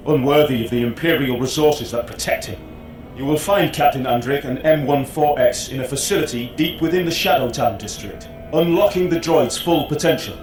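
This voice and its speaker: An actor playing a haughty, bitter imperial officer in a video game, formal and disdainful. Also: male voice, medium pitch, lightly acted. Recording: roomy echo, faint music.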